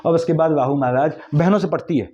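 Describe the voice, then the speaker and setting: A man giving a quick, lecturing astrology forecast, weaving English terms into his explanations. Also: fairly high pitch, dark tone, dull audio. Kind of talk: monthly horoscope talk.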